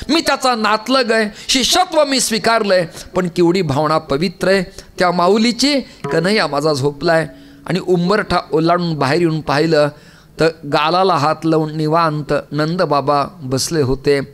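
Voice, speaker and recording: A man with a high voice delivers a devotional kirtan sermon in a temple hall. He tells the story by acting out its characters' lines. On emphatic calls his pitch leaps steeply upward. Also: a bit bright. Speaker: kirtan preacher.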